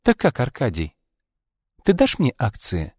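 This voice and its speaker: A man reading a story aloud, storybook-style, voices a shrill, bitter woman who hurls accusations in a high, strained voice with wildly swooping pitch. She scolds relentlessly, resentful, spiteful and aggrieved, a little slow and slightly mellow. The close, dry recording still has a long reverb tail.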